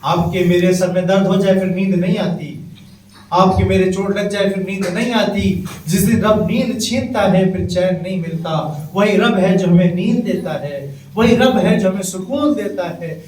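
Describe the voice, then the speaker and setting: A man preaching an impassioned sermon, chanting Arabic verses slowly between plain exhortation. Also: sits high, darkish tone. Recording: echoey, distant, faint hiss.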